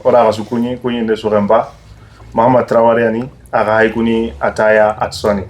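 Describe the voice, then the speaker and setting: A man's voice: lowish voice, level tone. A man hosting a casual podcast interview. He switches between Soninke and English and reacts often with short affirmations. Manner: friendly, chatty, quick to react with short affirmations. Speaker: podcast host.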